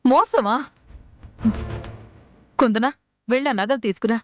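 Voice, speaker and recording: A woman's voice: a little high, a little slow, a bit bright, dull audio, a little hiss or hum. An actress playing a middle-aged mother falsely accused of fraud, placating and begging. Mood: defensive. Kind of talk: TV serial acting.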